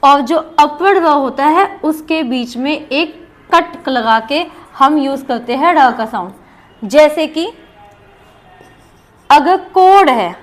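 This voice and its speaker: A woman's voice: high-pitched, slow. An Indian woman teaching a shorthand lesson, explaining rules step by step and repeating each example aloud.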